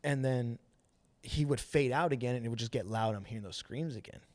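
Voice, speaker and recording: A man in casual podcast chat, recounting a personal story with lots of slang and animated retellings of what others said. His voice sits at an ordinary middle pitch, and the recording is close and dry with no room sound. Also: brisk, no echo. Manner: slangy and animated, acts out quoted dialogue. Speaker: podcast host telling his testimony.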